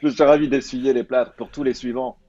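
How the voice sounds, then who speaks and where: A man's voice: mid-range voice, steady tone, fairly quick, darkish tone. A man in his thirties chatting informally as a remote interview guest, rambling and joking, over a video call. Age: 30s. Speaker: interview guest, advertising director. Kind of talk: casual remote interview chat. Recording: slightly dull, lo-fi call audio.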